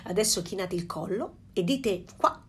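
A woman voicing a proud, fussy mother duck in a storybook reading, with a slightly husky voice. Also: medium pitch, moderate pace, a bit bright.

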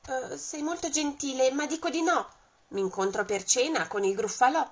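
A small clever mouse who boasts that the whole forest fears him, as a woman reads him aloud. His voice is high and cheeky with a husky edge. The sound is dull and lo-fi. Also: moderate pace. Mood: polite.

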